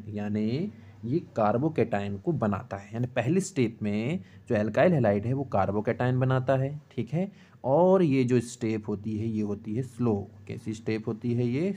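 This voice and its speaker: A man in middle age teaches an exam-prep chemistry lesson in a mellow, relaxed voice at a middling pitch. He works through each step slowly, asks his own questions aloud and answers them, and keeps checking in with his students. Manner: steady rhythm of short checks to the class.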